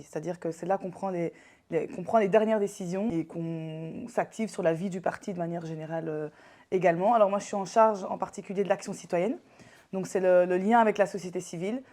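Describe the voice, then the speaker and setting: Belgian-born woman in her 30s, politician guest, measured answers with lots of small pauses. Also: on the low side, fairly even intonation, warm tone. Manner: measured, explanatory, with frequent hesitations. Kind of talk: interview answers.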